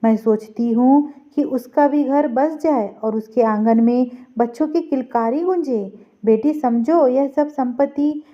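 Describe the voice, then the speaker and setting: A soft, persuasive older mother-in-law from an audio story, coaxing and gentle, as a woman narrator reads her. The voice sits high. The recording is dull and lo-fi. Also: a little slow.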